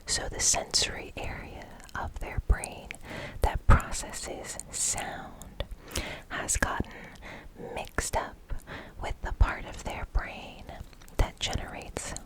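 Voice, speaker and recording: Woman, tingly ASMR whisper, very slow delivery, breathy, softly repeated words, explanatory. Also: rough recording. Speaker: ASMR host explaining research.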